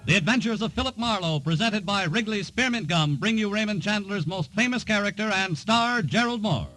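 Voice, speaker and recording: An American man announces an old-time radio show in formal, scripted style. His voice is notably high for a man, with faint music on the vintage broadcast. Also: lively intonation, fairly quick, low-quality recording.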